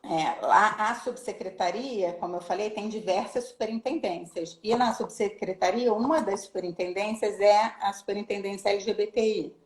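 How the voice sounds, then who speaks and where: A woman with a Rio de Janeiro Brazilian accent tells stories in a relaxed chat. She lively acts out the people in them. Her voice sits at a middle pitch, and the room gives it a noticeable echo. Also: moderate pace, hardly any pauses. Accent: Brazilian Portuguese, Rio de Janeiro. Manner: animated storyteller, acts out quoted voices. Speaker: guest, human rights official. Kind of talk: casual chat, storytelling. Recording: roomy echo.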